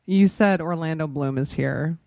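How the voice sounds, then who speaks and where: Low-voiced teasing woman. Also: creaky, darkish tone, no room sound. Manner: teasing, laughs often, quick corrections. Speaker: podcast co-host. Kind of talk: casual chat.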